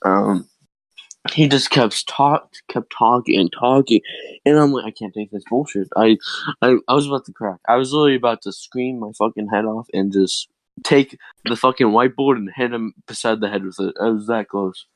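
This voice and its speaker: A man's voice: mid-range voice, normal speed, no room sound, low-quality recording. A teenage boy co-hosting a casual chat, telling a rambling story full of swearing and laughs, his voice cracking often. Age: teens. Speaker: podcast co-host.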